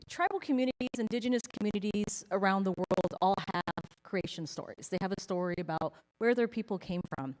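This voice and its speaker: A woman's voice: mid-range voice, a little mellow. A woman moderating a conference panel, friendly and chatty with a light joking manner. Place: large conference hall. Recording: reverberant large hall.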